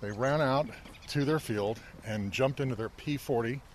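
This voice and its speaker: A man telling stories in a relaxed, animated way while walking outdoors, pausing to read inscriptions aloud. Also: mid-range voice. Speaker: interviewee, news colleague. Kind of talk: conversational storytelling on a walk. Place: outdoors at a cemetery. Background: faint traffic and planes overhead.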